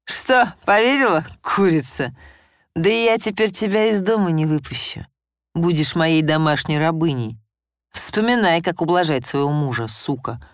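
A woman's voice: low-pitched, lively intonation, moderate pace, no room sound, studio quality. A woman voicing a cruel, mocking abusive husband who barks his threats. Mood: menacing, sneering. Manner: barking, menacing, mocking.

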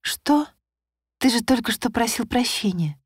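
A frightened young wife pleads in a meek, quiet voice, as a woman reader puts her on. Her voice is lifted a little and recorded close and dry. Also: a little high, lively intonation, unhurried, husky, dry recording, pitched above the performer's own voice. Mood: meek, tearful.

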